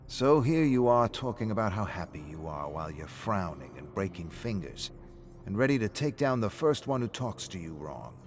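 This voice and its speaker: A man's voice: fairly low pitch, very animated, moderate pace, faint music behind. A man voicing a pub owner confronting an old friend, dry and needling, then earnest. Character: calm, probing male pub owner, longtime friend.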